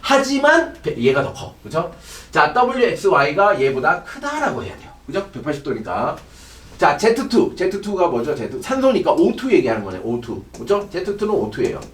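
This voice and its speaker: A man's voice: fairly high pitch, wildly swooping pitch, normal speed. A middle-aged man teaching a chemistry class, lecturing animatedly and checking in with his students constantly. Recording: echoey room, distant mic.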